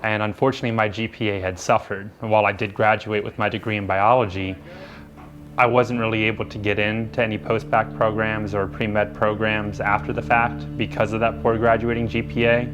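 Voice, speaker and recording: A young man studying nursing talks earnestly and reflectively in a documentary interview, using a lot of filler words. His voice sits lowish, his delivery is flat, and he speaks a little fast. The sound is lo-fi, with music running beneath him.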